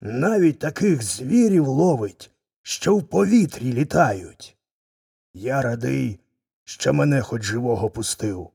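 A man voicing a humbled, frightened male lion in a folk tale reading, with a gravelly, husky voice. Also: medium pitch, expressive, slow, mellow, full character voice. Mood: scared, gloomy. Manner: gloomy, whispering in fear.

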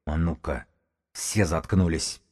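Man doing a rat-like thug, sly, hushed, hissing, very low, audiobook. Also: moderate pace. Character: sly, rat-like male gang member.

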